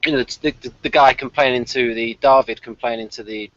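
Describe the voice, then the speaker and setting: Co-hosting a laid-back review podcast, this British man rambles and hesitates with dry wit, sometimes reading from notes. He has a mid-range, fairly bright voice with fairly even intonation and talks a little fast. There is no room sound, though the lo-fi recording is slightly dull.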